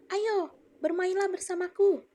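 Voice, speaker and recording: A woman's voice: very high voice, steady tone, unhurried, voice pushed up. A woman voicing a cheerful apple tree. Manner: bright, inviting, cheerfully calling out. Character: kind generous old apple tree, cheerful.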